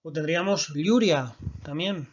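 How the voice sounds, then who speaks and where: A man's voice: a little high, unhurried, dull audio. Patient male language teacher. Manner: patient explaining, frequent checks with "de acuerdo". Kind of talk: recorded online language lesson.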